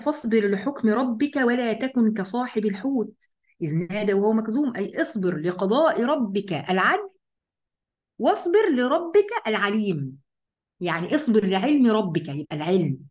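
A woman with an Egyptian accent giving a Quran study lesson, lively, asking and answering her own questions and speaking directly to her female listeners. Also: medium pitch. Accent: Egyptian Arabic. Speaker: religious teacher.

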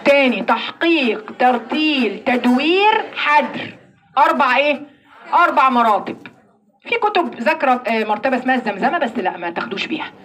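Egyptian woman, recitation teacher, high voice, quick classroom delivery, asks and answers herself. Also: animated, a bit bright, a little hiss or hum. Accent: Egyptian Arabic. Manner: explains with questions she answers herself; demonstrates recitation slowly. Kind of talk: classroom lesson.

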